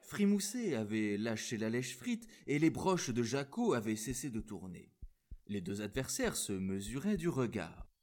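A man reading a storybook aloud in an expressive, animated narration. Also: medium pitch, unhurried.

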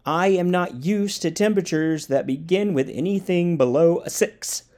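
A high-voiced Southern man speaks at a moderate pace with a slightly mellow tone. He hosts a casual solo podcast from his studio apartment, rambling along with fillers and chuckles and sounding a bit tired.

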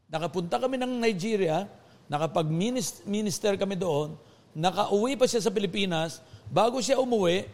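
A man, a bishop hosting the interview, telling stories in an animated way. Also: high-pitched, normal speed. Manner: animated, acts out quoted voices. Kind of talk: interview and storytelling. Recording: long hall reverb.

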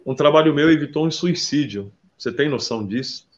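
Earnest man, slightly high voice, animated storyteller, brotherly tone, muffled recording. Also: a little fast. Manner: earnest, calls the listener "my brother"; swings from lively bursts to quiet, soft asides. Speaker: street artist being interviewed.

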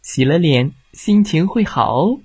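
Guy doing a storybook mom voice, high and sing-song, slow and husky, swings up and down a lot. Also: very animated, no echo, heavily acted. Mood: gentle. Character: adult mother, alternately nagging and tender.

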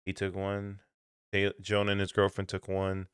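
A young man co-hosting a casual podcast chat, loose and profane, often laughing and mimicking yells. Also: deep voice, monotone, normal speed, smooth, dry recording, clean studio sound. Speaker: podcast co-host.

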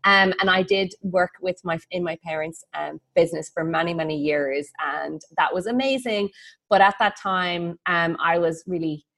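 A woman's voice: on the low side, normal speed, a bit bright. A woman from the west coast of Ireland with an Irish accent, probably in her thirties, chatting as an interview guest, laughing often and full of "like" fillers. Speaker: guest, feng shui practitioner. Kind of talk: casual interview storytelling.

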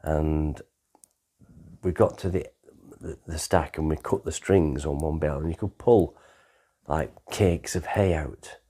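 An older man in his 60s with a low, husky, warm voice tells his life story as a memoir author. The storytelling is unscripted and autobiographical, rambling and conversational, with frequent pauses and restarts.

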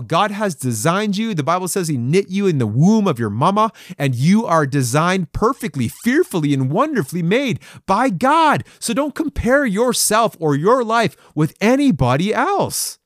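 A men's devotional speaker in his forties delivers a folksy, encouraging sermon in a conversational podcast style, adding playful asides and chuckles. His voice is high, and the studio-quality recording has no echo.

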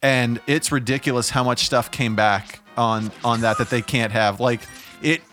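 A man's voice: mid-range voice, fairly even intonation, normal speed, a bit bright, soft background music. A man chatting casually on a podcast, telling stories and poking fun at himself. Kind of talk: casual chat.

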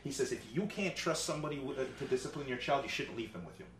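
A man's voice: mid-range voice, animated, quick pace, fairly bright tone, a little hiss or hum. A man from Jamaica, co-hosting a casual debate and insisting on his point, often repeating himself and talking over others. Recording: roomy echo, faint ambience.

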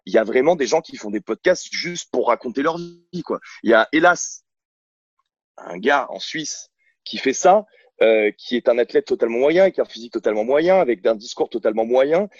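A man's voice: medium pitch, animated, fairly quick, breathy edge, dry recording, highs cut off. A man working as a sports coach, guest on a podcast, talking bluntly and outspokenly in a casual interview, with many hesitations and restarts. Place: at home on a couch, filming himself. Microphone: camera mic.

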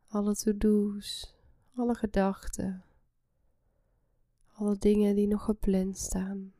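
A woman guiding a relaxation meditation in a soft, soothing, breathy half-whisper. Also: mid-range voice, flat delivery, slow pace, dry recording, clean studio sound. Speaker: guided meditation host.

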